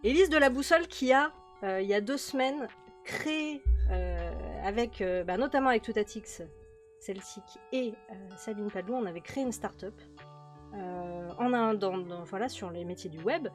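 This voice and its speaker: At medium pitch and normal speed, a woman casually narrates her playthrough of a management game. She's talkative, using lots of fillers and repetition, with faint background music.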